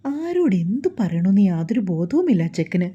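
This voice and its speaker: A woman's voice: medium pitch, big pitch swings, normal speed, dark tone, slightly rough. A woman voicing a protective, kind older mother in a storybook reading, firm but consoling, on a dull lo-fi recording.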